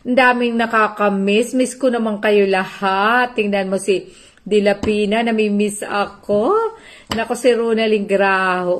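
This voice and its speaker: A woman with a Filipino accent hosting a casual livestream, greeting viewers by name and reading out their comments. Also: lowish voice. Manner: chatty, reads out viewer names and comments. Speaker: livestream host.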